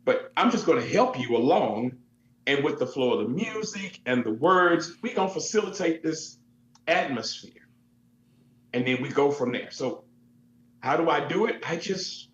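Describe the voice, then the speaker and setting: A man who works as a DJ and MC, telling stories in a relaxed, expressive way during an interview. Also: mid-range voice. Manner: easygoing, expressive, laughs while telling stories. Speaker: DJ and MC, event entertainer. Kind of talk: casual interview storytelling. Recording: echoey, dull lo-fi sound with faint hum.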